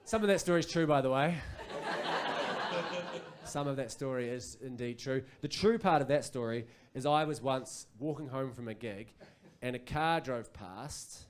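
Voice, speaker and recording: This stand-up comic from New Zealand performs on a club stage in a medium-pitched, unhurried voice, and the recording is very noisy. His storytelling is animated, and he acts out the voices of the people in his tales.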